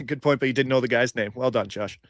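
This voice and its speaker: A man's voice: mid-range voice, a little fast, fairly bright tone. A young man hosting a sports betting chat, feisty and argumentative, firing off stats.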